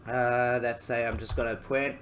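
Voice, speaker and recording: A young Australian man, a student, talking through a coding tutorial in a halting, casual way, full of ums and jokey asides. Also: medium pitch, flat delivery, a bit bright, a little hiss or hum. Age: young adult.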